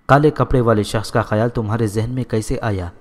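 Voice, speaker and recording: A man voicing a gentle young woman in a storybook reading, calmly and in his own voice. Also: lowish voice, long reverb tail, natural voice.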